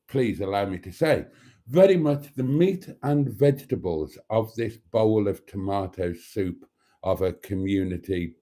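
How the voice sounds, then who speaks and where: A man's voice: medium pitch, dark tone. A British man hosting a livestream in a campy drag-queen manner, rambling and cheeky, full of flustered exclamations, swearing and saucy innuendo. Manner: flustered, self-interrupting, sweary. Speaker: host of an after-party livestream.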